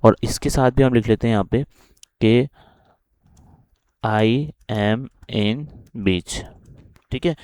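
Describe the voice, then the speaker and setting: A man's voice: on the low side, a little mellow, clean tone, dry recording, clean studio sound. A man with a Pakistani accent teaching a coding lesson while recording his screen, walking through each step and often checking in with the listener.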